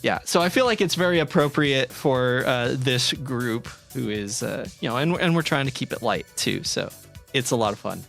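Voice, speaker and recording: Playful game master with lively pitch. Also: moderate pace, creaky, soft background music. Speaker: podcast host and game master. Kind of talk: casual tabletop podcast banter.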